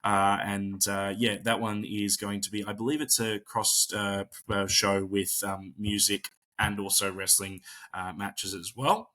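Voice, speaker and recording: A man's voice: on the low side, fairly even intonation, unhurried, bright, forceful tone. A young man, a wrestler being interviewed, talking casually with a lot of hesitations and restarts. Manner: hesitant, many fillers and restarts. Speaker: pro wrestler guest.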